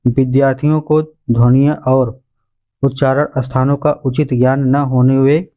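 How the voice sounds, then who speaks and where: A man's voice: medium pitch, level tone, a little slow, narrow, tinny audio. A male teacher going through exam questions and answers point by point, calling his listeners friends. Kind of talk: exam revision lesson.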